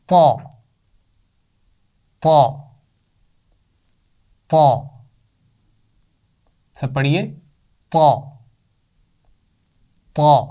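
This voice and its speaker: Patient man teaching children to read. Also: medium pitch. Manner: patient, repeats sounds slowly and loudly for children to copy; warmly praises the pupils. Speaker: Quran reading teacher for children. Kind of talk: children's lesson.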